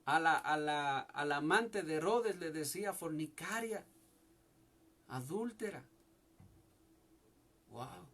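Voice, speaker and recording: A man's voice: fairly high pitch, animated, a little slow, creaky, few pauses, a bit bright. A young male pastor preaching a fervent sermon from a home church service, often calling out to his listeners as brother. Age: young adult.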